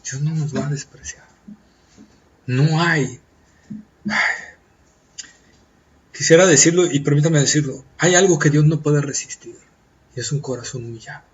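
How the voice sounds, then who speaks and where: A man with a Latin American Spanish accent preaching a sermon, swinging from loud pleading cries to soft hushed tones and acting out the pleas of the faithful. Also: medium pitch, dull audio. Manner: acts out pleading voices of the faithful.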